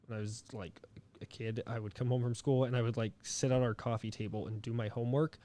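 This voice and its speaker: A man's voice: medium pitch, level tone, a little fast, mellow. A young man co-hosting a podcast in casual chat, rambling with lots of fillers and restarts. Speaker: podcast co-host.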